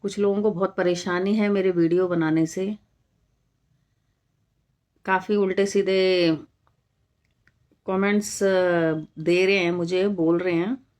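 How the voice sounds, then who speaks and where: A woman's voice: lowish voice, fairly even intonation, slow, long pauses, a little mellow. Middle-aged Indian woman talking straight to viewers. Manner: talks straight to viewers, firm and rebutting, repeats points for emphasis. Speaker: live-stream host reading viewer comments. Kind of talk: casual live-stream chat.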